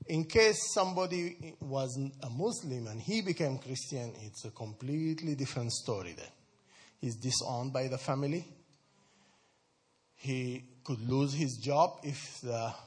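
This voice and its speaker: This Sudanese man's voice is mid-range and a little mellow, with a breathy edge. Addressing a church group in an informal talk, he chats with the audience, asks them questions, and laughs frequently.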